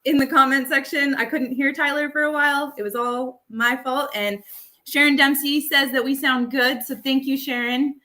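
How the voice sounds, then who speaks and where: A woman's voice: sits high, fairly even intonation, moderate pace, bright, forceful tone. A woman hosting a live online photography show, chatting casually with many fillers on a makeshift microphone. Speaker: livestream host.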